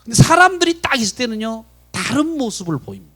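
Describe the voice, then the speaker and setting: High, animated male preacher. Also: fast talker. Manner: keeps questioning the congregation. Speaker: pastor. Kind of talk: sermon at a Friday prayer meeting. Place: church sanctuary.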